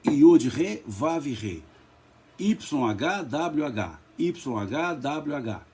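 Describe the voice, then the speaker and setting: Slow, husky Brazilian man teaching. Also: on the high side, dark tone. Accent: Brazilian Portuguese. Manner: slow and emphatic, spells out letters, repeats words. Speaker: spiritist study leader. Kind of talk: religious study talk.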